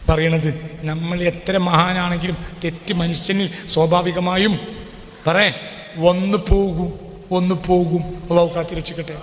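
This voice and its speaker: A man preaching a sermon with a Malabar Malayalam accent, firing questions at his listeners and pressing them to answer. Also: on the high side. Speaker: Islamic preacher. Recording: echoey hall with long reverb.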